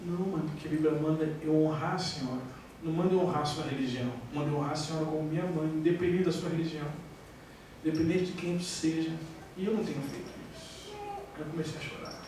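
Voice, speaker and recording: Brazilian pastor guy preaching his testimony, kinda high voice, acts out the conversations, mic far off, lots of hall echo and a little hiss. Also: fast, darkish tone. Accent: Brazilian Portuguese. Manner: emotional storytelling, acting out dialogue. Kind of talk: testimony sermon. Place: church hall.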